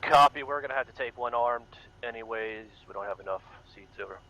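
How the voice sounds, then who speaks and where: A man's voice: mid-range voice, a little fast. A man giving military radio replies in a game. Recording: dull radio sound, clear vehicle noise.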